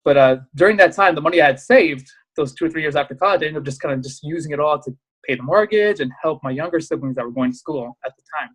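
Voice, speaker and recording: A man in his thirties, born in Pakistan and raised in the US, talking as a podcast guest in a casual, animated way with fillers. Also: a little high, breathy edge. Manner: animated, rapid storytelling with fillers. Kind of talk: casual interview chat.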